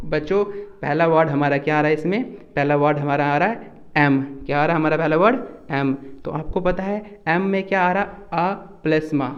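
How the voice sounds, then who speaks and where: A young male teacher works through examples, patiently repeating each point for his students. His voice sits a little high for a man. The recording sounds dull and lo-fi. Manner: patient and repetitive, often addressing students as children. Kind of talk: classroom lecture.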